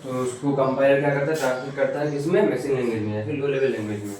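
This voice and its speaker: This programming teacher talks very fast in a steady, medium-pitched, darkish voice, explaining informally step by step with frequent repetition and rhetorical questions. It was recorded on a distant mic in a very echoey room with faint noise.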